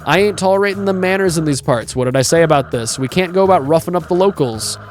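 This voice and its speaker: A boisterous pirate captain with a hearty, booming sea-dog dialect, bossing his crew around in a game, as a man puts him on. The voice sits a little high for a man, over faint game music. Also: expressive, quick pace, close to an everyday voice. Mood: scolding.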